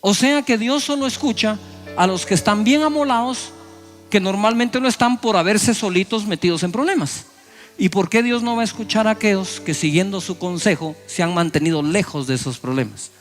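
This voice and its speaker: A man's voice: sits high, normal speed, soft background music. A man preaching a sermon as a pastor, acting out people's prayers in raised voices.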